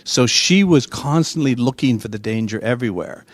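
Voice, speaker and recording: A middle-aged man explaining his ideas as a guest in a conversational interview, emphatic and animated, acting out bits of dialogue. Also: mid-range voice, moderate pace, dry recording. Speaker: guest expert.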